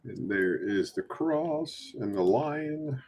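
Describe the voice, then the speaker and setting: A man presenting coins on a livestream, trading quick teasing banter with his co-host. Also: mid-range voice, expressive, a little mellow, slight background noise. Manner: teasing, quick banter between coin descriptions. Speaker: livestream coin seller. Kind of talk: casual livestream chat.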